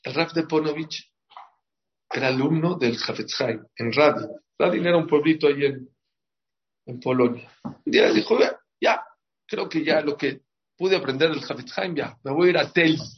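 A man's voice: on the high side, normal speed. A man gives a sermon as a rabbi, acting out the dialogue of his stories with animation. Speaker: rabbi giving a talk. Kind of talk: storytelling sermon. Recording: dull lo-fi recording.

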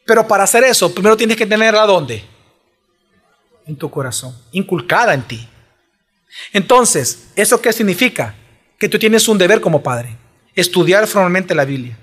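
A man's voice: high voice, lively intonation, normal speed, long pauses, a bit bright. A man preaching a sermon, pressing his listeners with emphatic rhetorical questions.

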